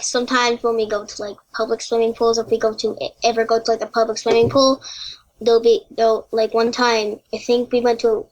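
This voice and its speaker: A ten-year-old girl chats as a podcast guest, her voice a little high. She tells stories with lots of "like" fillers. She quotes other kids in lively voices as she goes. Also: lo-fi sound. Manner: chatty storytelling with many "like" fillers. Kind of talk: casual chat.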